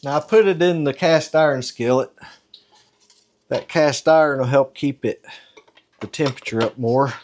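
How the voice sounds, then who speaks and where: A man's voice: medium pitch, moderate pace, long pauses, a little mellow, slight background noise. A man, talking in a folksy, homespun way as he cooks supper at home for a casual cooking video. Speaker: home cook host. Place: home kitchen.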